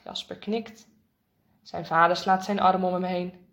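A woman reading a children's storybook aloud in a lively way, acting out the characters' lines. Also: measured pace. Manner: lively, voices the characters' lines with raised pitch. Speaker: narrator.

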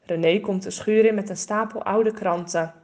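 A woman reading a children's story aloud, expressive and clear. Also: medium pitch, normal speed.

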